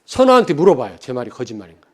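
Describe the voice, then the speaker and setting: A man in his fifties from Cheonan, preaching a sermon as pastor, joking and telling stories, swinging from loud emphasis to quiet asides and calling out to the congregation. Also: medium pitch, huge pitch swings, very fast. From Cheonan, South Korea. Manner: joking, anecdotal, calls out to the congregation.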